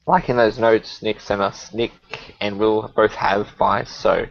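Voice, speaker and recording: A man co-hosting a podcast in casual chat, calm and measured as he explains his picks. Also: fairly low pitch, vocal fry. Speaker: podcast co-host. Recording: dull lo-fi call audio with faint hiss.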